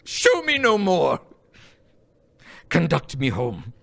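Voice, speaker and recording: An actor playing the old miser Scrooge in a live radio play, pleading and anguished. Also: male voice, fairly high pitch, wildly swooping pitch, slow, creaky, a bit bright, heavily acted. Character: miserly old man Scrooge, bitter and tormented.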